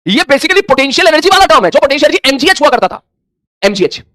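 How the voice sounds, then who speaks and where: A man's voice: very high-pitched, very animated, fast talker, pushed and bright, dry recording, studio quality. A man teaching a physics lecture, mixing in English terms and acting out his students' questions in dialogue. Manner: mixes Hindi with English terms. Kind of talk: classroom lecture.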